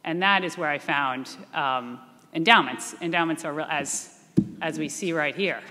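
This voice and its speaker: A woman's voice: deep voice, moderate pace, pushed and bright. A woman answering as a panelist, poised and upbeat with some restarts. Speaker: chief investment officer. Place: reunion event hall. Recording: echoey hall.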